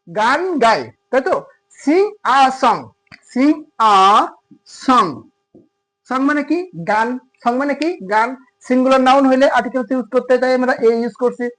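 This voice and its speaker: A man teaching English grammar in Bengali, explaining patiently and asking his students rhetorical questions. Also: very high-pitched. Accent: Khulna Bengali. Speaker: English tutor. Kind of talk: classroom grammar lesson. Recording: tinny phone-like audio.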